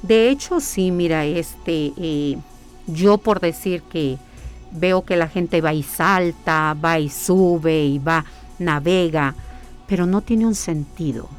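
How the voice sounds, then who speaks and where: A woman's voice: fairly low pitch, takes it slowly. Woman, earnest, rhetorical questions, interview guest, faint music behind. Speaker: guest, spiritual hiking workshop leader. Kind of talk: conversational interview.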